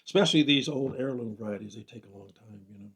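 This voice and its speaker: Middle-aged guy, kinda husky, easygoing garden talk, trips on words now and then. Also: mid-range voice, fast. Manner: stumbles over words, relaxed and chatty. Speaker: gardening channel host. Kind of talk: casual chat.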